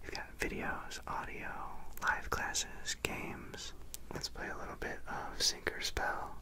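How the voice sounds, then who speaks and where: Whispering man doing an ASMR ad read. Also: slow pace. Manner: casual, playful. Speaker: sponsored ad reader. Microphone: close studio microphone on a desk.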